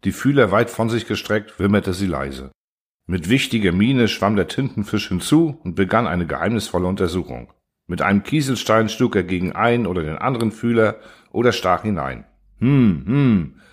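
A man narrating a story in a measured, dramatic storytelling manner. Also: fairly low pitch, animated, breathy edge.

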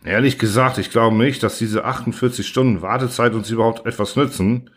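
A man voicing a gruff, irritable starship commander who is blunt and sarcastic, in an audiobook reading. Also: medium pitch, steady tone, fairly quick, natural voice. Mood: weary, blunt. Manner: blunt, sarcastic, flares into shouting.

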